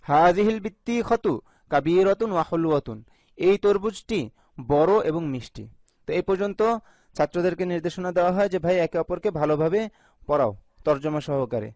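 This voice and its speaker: A man from Bangladesh teaching an Arabic lesson in a video, going slowly and repeating each phrase with its translation. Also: sits high, a little mellow, no echo.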